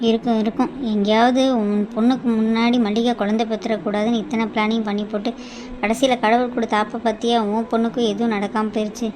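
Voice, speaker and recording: A woman voicing a sharp-tongued younger sister in a cartoon, mocking and scolding. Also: fairly high pitch, flat delivery, fast talker, noisy background, natural voice. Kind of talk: cartoon voice acting.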